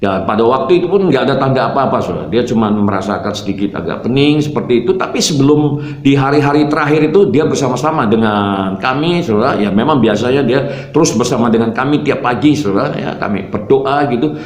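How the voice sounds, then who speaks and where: A man's voice: medium pitch, lively intonation, fast talker. A man, a pastor, telling his personal faith testimony in an earnest storytelling way, calling his listeners "brother" after nearly every phrase. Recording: roomy echo.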